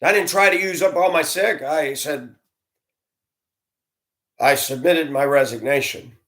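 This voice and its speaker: Ex bus driver guy, kinda high gravelly voice, just venting real earnest. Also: a little slow, a bit bright. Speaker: former school bus driver. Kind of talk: candid personal storytelling.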